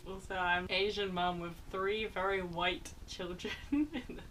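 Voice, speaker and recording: A woman's voice: medium pitch, fairly even intonation, measured pace, fairly bright tone, distant mic, a little hiss or hum, rough recording. A young woman in a casual reaction vlog, chatty and self-mocking, often laughing. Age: young adult. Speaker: YouTuber reacting to her old film.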